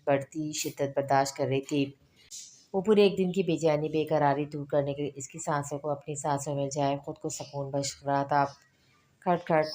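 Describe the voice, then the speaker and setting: A woman narrating a novel as an audiobook reading, steady and measured. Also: deep voice, a little hiss or hum.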